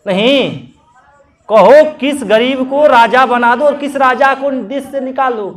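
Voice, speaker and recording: Preacher playing an aged king, coaxing, high, earnest. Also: slow. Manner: coaxing, pleading. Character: aged king coaxing his sulking queen.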